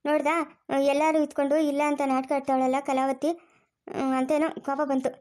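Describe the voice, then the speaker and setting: A woman's voice: sits high, level tone, brisk, a little mellow, lightly acted. A woman playing a demanding grandmother spirit. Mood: stern, demanding. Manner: commanding, listing demands. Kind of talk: family drama acting.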